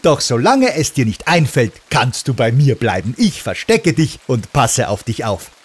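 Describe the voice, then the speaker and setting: A man's voice: medium pitch, very animated, measured pace, slightly rough. A man voicing a timid but brave little girl who talks hesitantly and earnestly.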